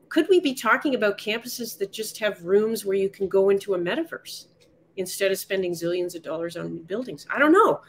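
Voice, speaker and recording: Excitable woman, enthusiastic talker. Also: medium pitch. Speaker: guest conductor. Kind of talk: casual interview chat.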